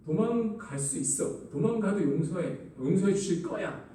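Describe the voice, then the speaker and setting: Man, pastor, sermon, lively swooping pitch, mellow dark tone, booming echo, heard from a distance. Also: normal speed, slight background noise. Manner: expressive preaching, acting out quoted lines. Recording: echoey hall, voice from afar.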